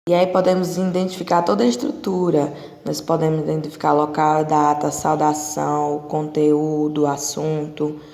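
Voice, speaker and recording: A woman teacher with a Brazilian Portuguese accent, patiently explaining a lesson to children and slowly drawing out example words. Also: low voice, flat delivery, creaky, dark tone. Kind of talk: recorded classroom lesson. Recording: echoey room with long reverb.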